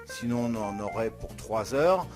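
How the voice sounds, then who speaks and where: A man hosting a step-by-step software tutorial, talking the viewer through each click in an informal, direct way. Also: fairly low pitch, lively intonation, unhurried. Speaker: YouTube tutorial host. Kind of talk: screen-recorded software tutorial. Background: soft guitar music.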